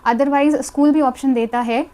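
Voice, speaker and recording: A woman teaching a phonics lesson to parents, explaining sounds and reading out word lists slowly. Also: high voice, fairly even intonation, dark tone. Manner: slow, drawn-out word lists.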